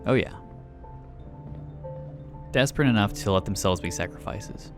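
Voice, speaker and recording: Guy doing chill let's play commentary, lowish voice, game music behind. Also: moderate pace. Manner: thinks aloud, reads game notes. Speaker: gaming YouTuber.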